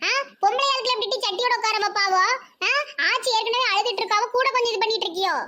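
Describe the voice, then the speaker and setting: A woman voicing a brisk young village woman with an in a cartoon, talking in a quick, bossy way. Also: extremely high pitch, pushed and bright. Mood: scolding. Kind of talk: cartoon voice acting.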